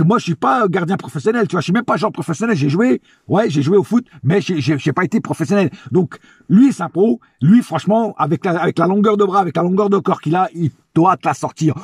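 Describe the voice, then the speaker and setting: A man's voice: high voice, a little fast, slightly rough, no room sound, studio quality. A man giving a casual, slangy solo football debrief, ranting bluntly with some swearing and repeating phrases for emphasis. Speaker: football fan vlogger giving player ratings.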